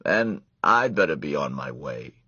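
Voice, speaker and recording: A calm, steady storybook dog, as a man puts him on, pitched lower than the man's plain voice. He speaks slowly, with a husky, unhurried tone. The recording is dull and dry. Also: no echo, heavily acted.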